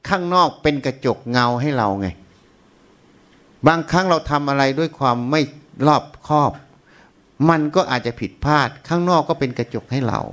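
A man, a Buddhist monk, giving a Dharma talk, patiently explaining and asking questions that he often answers himself. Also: on the high side.

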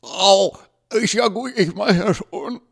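A man voicing a masked male gatekeeper who speaks through a door hatch in a deep, rough voice with slow, cryptic chanting. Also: lively intonation, dry recording, studio quality, full character voice. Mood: pained. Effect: voice muffled through a door.

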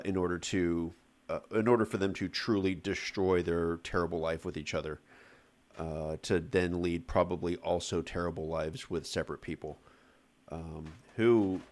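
A man's voice: low-pitched, darkish tone. A man hosting a film review podcast, joking casually and steering the discussion. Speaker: podcast host.

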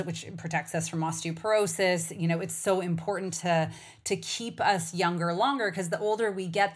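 A woman in her forties with a slight Canadian accent, chatting casually as a podcast host, rambling with lots of fillers and restarts. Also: fairly low pitch. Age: 40s. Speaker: podcast host and hormone coach.

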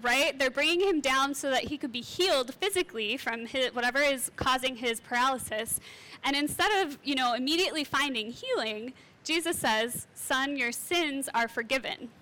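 A young woman leads a casual Bible lesson in a talkative, friendly-explainer way, full of asides. Her voice sits high and sounds bright and forward. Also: normal speed. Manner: chatty and conversational, with laughs and asides. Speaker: youth Bible teacher.

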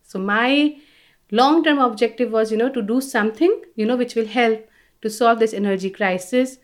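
Speaking at a moderate pace and fairly high pitch, an Indian-accented woman in her thirties from India, an engineer and interview guest, explains her answers conversationally. She often says "you know."

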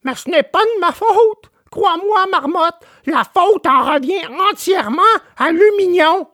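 A woman's voice: extremely high pitch, expressive, unhurried, fairly bright tone, no echo, clean studio sound, full character voice. A woman voicing a remorseful wooden puppet boy who pleads and sobs. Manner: pleading, sobbing. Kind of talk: storybook drama.

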